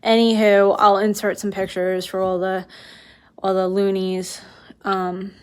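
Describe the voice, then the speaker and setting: A woman's voice: medium pitch, flat delivery, measured pace, clear, resonant tone. A woman vlogger explaining things in casual chat, rambling and interrupting herself. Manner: rambling, informal, self-interrupting.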